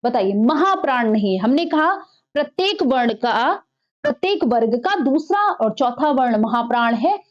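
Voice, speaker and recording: A woman's voice: a little high, animated, normal speed, muffled recording. A woman teaching an exam-prep lesson, putting questions to the class and then answering them herself. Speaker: Hindi teacher.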